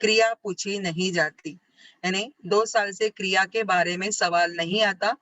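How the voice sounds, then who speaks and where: A woman's voice: medium pitch, steady tone, measured pace, a bit bright, dry recording, rough recording. A woman teacher giving a grammar lesson, explaining step by step, rephrasing points and asking questions that she then answers herself. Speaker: school Hindi teacher.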